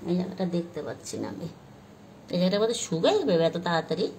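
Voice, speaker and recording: Outdoors with her dogs, a woman who looks after strays talks to them in a lowish, sing-song voice, speaking fast as she coaxes and scolds. The phone picks her up from a distance, so the sound is roomy and full of loud background noise.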